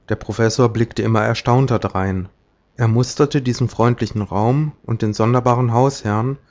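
A man reading a literary story aloud as narrator, measured and even. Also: medium pitch. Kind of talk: audiobook narration. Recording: dull lo-fi audiobook recording.

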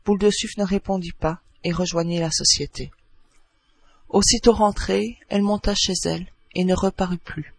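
A man narrating a literary audiobook in a measured, expressive storytelling manner. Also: high-pitched, creaky, dry recording.

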